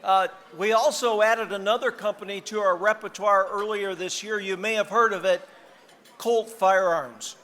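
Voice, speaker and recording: High-voiced man presenting in an echoey hall. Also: fairly even intonation, moderate pace, fairly bright tone. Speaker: company sales director presenting an auction item. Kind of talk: short informal product presentation to an audience. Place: large banquet hall at a dinner event. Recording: echoey hall with crowd noise.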